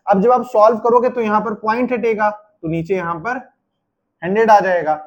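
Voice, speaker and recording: A man's voice: high-pitched, steady tone, normal speed, muffled recording. A man teaching a chemistry class, explaining step by step and asking and answering his own questions. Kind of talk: classroom lecture.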